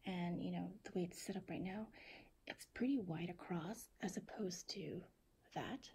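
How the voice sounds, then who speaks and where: A woman talking in a hushed whisper through a casual late-night vlog at home, keeping quiet so she won't wake anyone. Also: lowish voice, moderate pace, slight background noise. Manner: talks in a soft hushed whisper to keep quiet. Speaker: vlogger showing her collection. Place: home at night, boyfriend asleep.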